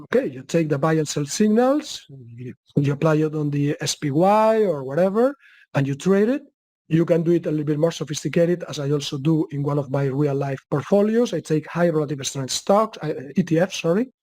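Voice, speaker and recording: This guest presenter, a Spanish-accented man, restarts his sentences often while presenting in a webinar and answering questions. He sounds slightly high, mellow and expressive, speaks a little fast, and the recording is dry.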